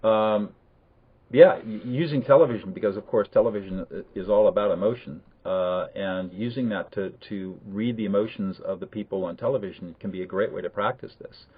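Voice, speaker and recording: A man explaining conflict de-escalation in a measured conversational way, with emphatic bursts. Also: fairly low pitch, husky. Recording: tinny phone-like line.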